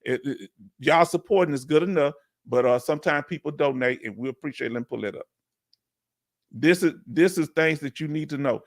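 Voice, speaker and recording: On this live Q&A stream, the middle-aged Houston host keeps things casual, chatty and relaxed, with plenty of laughter. He speaks on the high side and fairly quickly.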